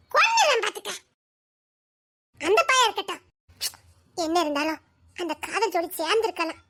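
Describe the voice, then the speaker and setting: A woman's voice: extremely high pitch, bright, forceful tone. A woman, playing two teasing girlfriends in a comedy skit with playful, melodramatic chatter. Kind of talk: village comedy skit dialogue.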